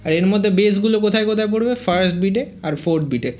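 A man's voice: high voice, rapid-fire. A man teaching a fingerstyle guitar lesson, counting beats, naming notes and singing bits of the tune. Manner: counts beats and names notes, sings snatches of the melody. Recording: loud guitar playing along.

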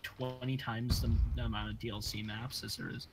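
A man's voice: medium pitch, little pitch movement, brisk, creaky, crowd noise, rough recording. A young man chatting casually with friends while playing an online shooter, rambling with lots of filler words. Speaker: gamer. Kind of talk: casual gaming chat.

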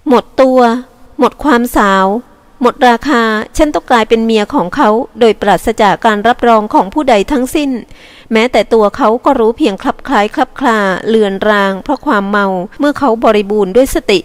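A woman voicing a despairing young woman who pleads in a soft, sad, halting way, as an audiobook reading. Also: fairly high pitch, natural voice. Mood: sorrowful.

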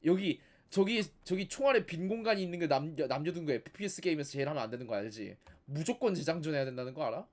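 억양 변화가 큰 높은 톤의 남자 게임 해설. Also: male voice, fairly high pitch, lively intonation, fast talker, hardly any pauses. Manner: sarcastic, nagging, talks back at game characters. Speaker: gaming video host. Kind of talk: casual game playthrough commentary.

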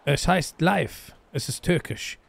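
A man's voice: fairly high pitch, expressive, slow pace, gravelly, no echo. A young man playing a joking roleplay character in a video game, tossing Spanish words into his talk.

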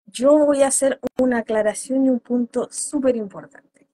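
A woman's voice: sits high, normal speed, dark tone, no room sound. A woman therapist speaking earnestly in an interview about parenting, acting out parents and children as she explains. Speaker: guest therapist.

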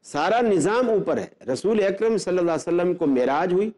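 Speaking as an Islamic scholar, a man explains religious belief earnestly and step by step, leaning often on rhetorical questions. His voice is slightly high yet dark and mellow, and his delivery is expressive and brisk.

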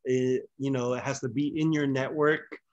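A man's voice: mid-range voice, fairly even intonation, normal speed, no echo. Man chatting casually, dry slightly dull audio. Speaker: board game review co-host. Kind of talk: casual conversational chat. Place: indoor video call. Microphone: video call.

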